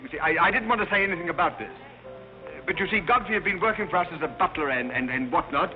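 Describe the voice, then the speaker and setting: An actor playing a jovial society gentleman in 1930s film screwball comedy banter, bluffing his way along with stammers. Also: a little high, lively intonation, fast talker, lightly acted. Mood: improvising, bluffing. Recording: muffled 1930s film soundtrack, music behind.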